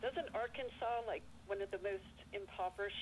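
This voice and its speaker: A woman's voice: medium pitch, moderate pace, slight background noise, low-quality recording. A woman calling in to a quiz show, chatty and enthusiastic, with a valley-girl sound. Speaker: caller, cathedral verger. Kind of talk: casual phone chat. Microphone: telephone.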